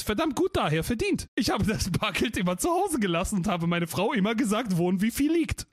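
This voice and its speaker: A man's voice: sits high, no room sound, clean studio sound. A man reading a relationship post aloud and breaking in with wry, sarcastic comments. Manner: wry, interrupts his reading with sarcastic asides. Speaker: streamer reading advice posts.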